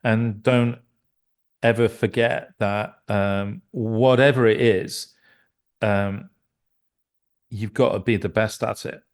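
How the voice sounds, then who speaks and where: A man's voice: lowish voice, steady tone, takes it slowly, pauses often, clean tone. A middle-aged man, a musician and producer, talking as a guest in a casual interview, rambling with many restarts and fillers. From England.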